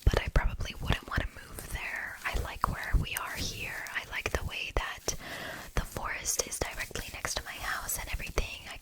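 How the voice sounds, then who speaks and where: A woman's voice: normal speed, low-quality recording. Young woman whispering, chatty ASMR. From Germany. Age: 20s. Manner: soft unvoiced whisper, chatty with fillers. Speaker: ASMR YouTuber.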